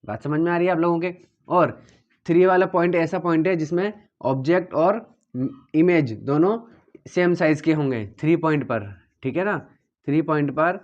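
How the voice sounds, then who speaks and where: A man's voice: on the high side, a little mellow, lo-fi sound. A man teaching a physics lesson at a whiteboard, explaining step by step, asking and answering his own questions and checking in often with his students. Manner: repeats "theek hai" to check students follow.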